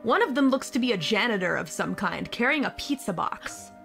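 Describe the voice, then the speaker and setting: A woman's voice: fairly high pitch, animated, brisk, gravelly, a bit bright, soft background music. A woman narrating a tabletop game as game master, casual and often laughing.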